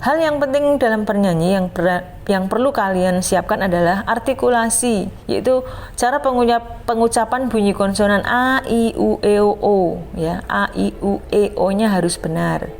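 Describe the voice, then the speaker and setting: A woman's voice: mid-range voice, moderate pace, darkish tone. A middle-aged woman, a music teacher giving an online class lesson. She explains step by step, speaks straight to her students and now and then sings short examples.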